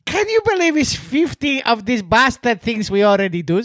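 A boisterous man hosting a casual podcast, speaking loudly in slightly broken English on a handheld mic so close to his mouth that it clips and distorts. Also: extremely high pitch, big pitch swings, moderate pace, no echo. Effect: clipping, distorted mic from speaking too close and loud. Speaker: podcast host. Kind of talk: rowdy casual podcast banter. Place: bedroom at home, walls padded with pillows. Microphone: handheld mic held right at the mouth.

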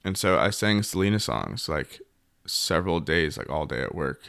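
A man with a very deep voice chats casually on a podcast, easygoing and self-deprecating. The sound is dry and close, with no room around it. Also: lively intonation, moderate pace, creaky, a bit bright, no room sound. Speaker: podcast co-host. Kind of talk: casual chat.

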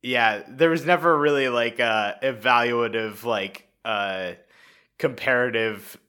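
A young man with a bright, forward voice co-hosts a podcast. He talks in loose, rambling sentences full of "like" and "uh," often breaking into laughter. His pitch sits in the middle range for a man. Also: takes it slowly, smooth. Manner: rambling, frequent fillers and laughs. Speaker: podcast co-host. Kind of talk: casual chat.

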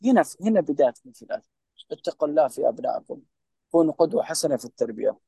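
Speaking in Saudi Gulf Arabic as a guest on a podcast interview, this mental health specialist delivers fervent advice in an emphatic, sermon-like style, frequently talking straight to the listener. His voice is a little high, gravelly, husky and dark, very animated and rapid-fire, in a low-quality recording without echo.

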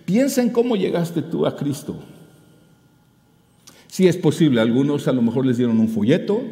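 Man, pastor, sermon, animated and emphatic, roomy church hall echo. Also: a little high, normal speed. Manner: animated, rising to emphatic peaks. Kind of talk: preaching a sermon. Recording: roomy hall with long reverb.

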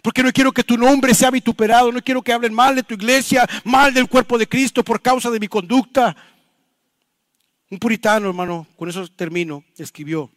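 A man's voice: very high-pitched, a little fast, hardly any pauses, dry recording. A man preaching an earnest sermon in a church, often calling the listeners brother and repeating words as he restarts.

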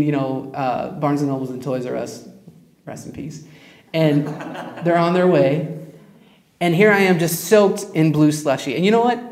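A man's voice: fairly high pitch, a little mellow. A man preaching a sermon as pastor, telling stories in a conversational way and speaking straight to his congregation. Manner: storytelling, conversational, addresses congregation directly. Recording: roomy echo.

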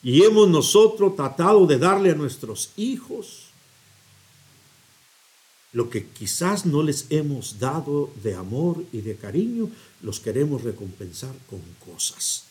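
Animated, high-voiced male preacher. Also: unhurried. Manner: expressive, storytelling, appeals directly to listeners. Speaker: priest.

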